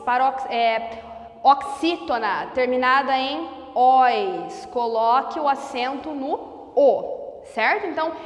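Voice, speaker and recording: A woman's voice: high voice, roomy sound, big-room sound. A woman teacher giving a grammar lesson, explaining step by step and checking in with her students. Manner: lively, explains step by step with frequent "tá?" check-ins. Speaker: Portuguese teacher.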